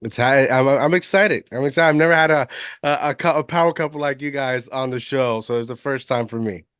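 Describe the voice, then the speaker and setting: A man's voice: medium pitch, fairly quick, a bit bright, smooth, no room sound, studio quality. A man from Puerto Rico hosting a podcast interview, enthusiastic and often restarting his sentences. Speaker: podcast host. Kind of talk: casual interview chat.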